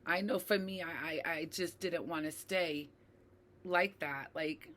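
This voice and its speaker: A woman's voice: low voice, steady tone, measured pace, fairly bright tone. A middle-aged woman, a mental health advocate, speaking emotionally and personally to her viewers, with many fillers and tag questions. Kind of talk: personal talk to camera.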